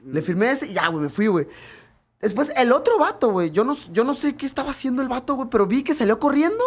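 A Mexican man who is a fighter, appearing as a guest, tells a rambling, profane story among friends in casual chat. His very high voice is expressive and fast, and he tags nearly every phrase with a slang filler.

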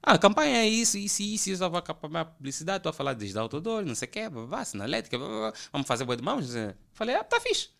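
A young man from Angola with an Angolan Portuguese accent, telling animated, slangy stories as a podcast guest. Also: sits high, racing, creaky, few pauses. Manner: animated, slangy, acts out quoted voices. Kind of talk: casual storytelling chat.

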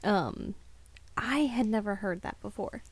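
Woman podcast co-host, casual and chatty, mid-pitched voice, lots of fillers. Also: a little slow, slight background noise. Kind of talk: casual chat.

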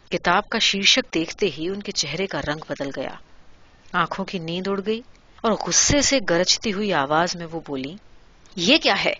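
A woman reading a literary story aloud in a measured, quiet way. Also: lowish voice, muffled recording.

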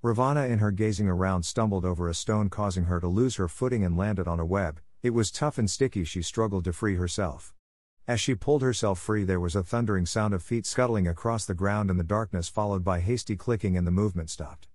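A low-voiced man narrates a fantasy story in a steady, read-aloud way. His voice sits close to the mic in a dry, dead space. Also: brisk, dry recording. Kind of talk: scripted narration.

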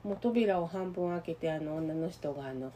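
Speaking at normal speed in a low voice, a Kansai-accented woman co-hosting a radio talk show shares a story in casual conversation. She's animated, performing the voices of the people she encountered.

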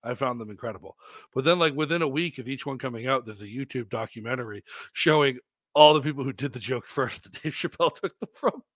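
A man hosting a casual podcast, telling stories in an animated way and laughing often. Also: mid-range voice, fast talker, no echo. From New Hampshire, United States. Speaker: podcast host.

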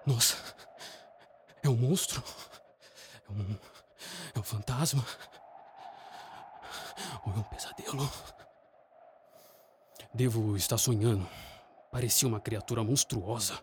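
An actor playing an earnest Arctic explorer leading an expedition in a radio drama. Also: male voice, on the low side, slow pace, pauses often. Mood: startled, bewildered. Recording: clearly noisy background ambience.

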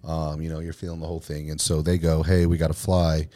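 Low-voiced man telling a rambling story. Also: flat delivery, quick pace, mellow, dry recording. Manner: rambling, filler-heavy, laughs through the story. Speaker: podcast co-host. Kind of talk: casual storytelling chat.

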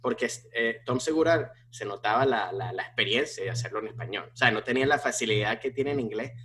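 A man's voice: medium pitch, fairly quick, slight background noise. A man, a stand-up comedian, talking casually with lots of restarts and fillers. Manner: animated, many restarts and fillers. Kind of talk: casual conversation.

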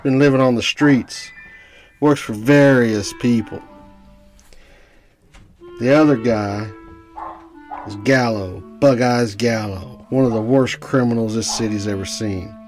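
A man's voice: medium pitch, slow, long pauses, a little mellow, natural voice. A man narrates as a weary 1930s police detective. His delivery is terse and slangy, in hardboiled radio noir style, with music behind him. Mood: weary, brooding.

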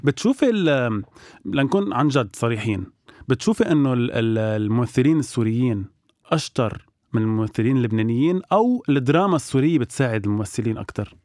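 A man's voice: mid-range voice, animated, fast, a little mellow, no room sound, studio quality. A man with a Levantine Arabic accent hosting a casual, bantering interview. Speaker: interview host.

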